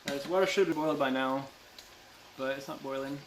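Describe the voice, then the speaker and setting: A man's voice: mid-range voice, fairly quick. A man chatting casually on a cooking livestream in a playful, teasing manner with bursts of silliness. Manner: playful teasing, bursts of silly sing-song. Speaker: live streamer cooking. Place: indoor kitchen. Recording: echoey room, background noise of cooking.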